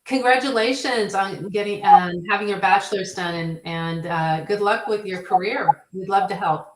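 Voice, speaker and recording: Woman, guest from a company, mid pitch, reassuring pitch, roomy echoey video call sound. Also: normal speed. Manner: friendly, reassuring sales talk. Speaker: strategic accounts manager. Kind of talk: guest on a webinar. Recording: roomy echo.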